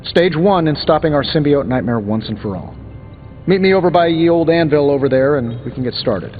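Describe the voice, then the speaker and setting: A man's voice: fairly high pitch, lively intonation, brisk, phone-quality sound, faint music behind, close to an everyday voice. A man playing a cocky, sarcastic armored superhero inventor in a video game, full of wisecracks. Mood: confident, wry. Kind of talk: video game character dialogue.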